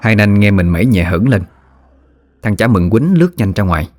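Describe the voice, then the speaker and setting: A man with a Southern Vietnamese accent narrating a folk ghost story in a lively, vivid way. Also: fairly low pitch, moderate pace, slight background noise.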